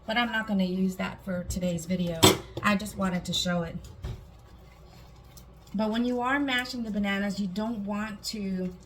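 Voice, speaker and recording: Fairly even in intonation and moderate in pace, this mid-range voice belongs to a woman from Guam demonstrating home cooking. She chats casually through the steps with small asides, and background noise and room ambience can be heard clearly.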